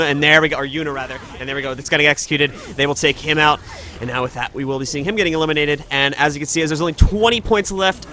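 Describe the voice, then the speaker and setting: A man casting an esports match, giving brisk play-by-play and announcements to viewers. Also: a little high, bright, forceful tone, slight background noise. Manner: rapid, announcer-like hype. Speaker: esports caster. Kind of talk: play-by-play commentary.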